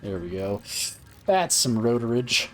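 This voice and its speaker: A man's voice: medium pitch, big pitch swings, measured pace, a bit bright, faint music behind. A man streaming a video game, talking casually to viewers and thinking aloud with fillers and playful asides.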